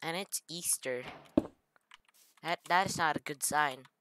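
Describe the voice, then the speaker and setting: Low, slow woman rambling over gameplay. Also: heavy background noise. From Philippines. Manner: rambling, self-mocking, stammering restarts. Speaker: gaming channel host. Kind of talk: casual gameplay commentary.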